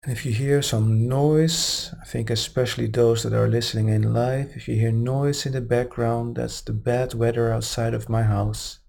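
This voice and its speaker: A man hosting a meditation podcast, speaking casually and guiding listeners with calm, soothing instruction. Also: medium pitch, normal speed, vocal fry, few pauses. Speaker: podcast host and meditation teacher.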